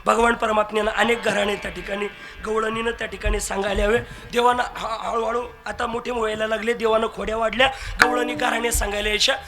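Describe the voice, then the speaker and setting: A man's voice: high-pitched, little pitch movement, quick pace, music in the background. A man preaching a devotional kirtan, telling stories with humor, acting out dialogue and asking the crowd for agreement. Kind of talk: devotional kirtan sermon with storytelling.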